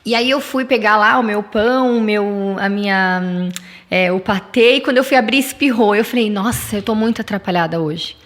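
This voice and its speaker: A woman's voice: mid-range voice, moderate pace, fairly bright tone. A woman podcast guest telling a personal story in casual chat and making earnest, faith-filled declarations.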